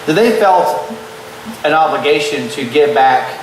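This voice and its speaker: A man's voice: on the high side, animated, measured pace, far from the mic, slight background noise. Male talk host, easygoing and joking, fillers throughout; very echoey room, off-mic. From Texas. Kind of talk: casual interview.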